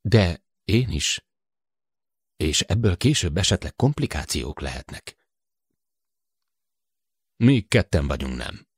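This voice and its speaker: A man's voice: low voice, big pitch swings, long pauses, slightly rough, no room sound, studio quality, heavily acted. A man voicing a courteous, curious human explorer who asks probing questions in an audiobook. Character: polite, curious, calm human male explorer.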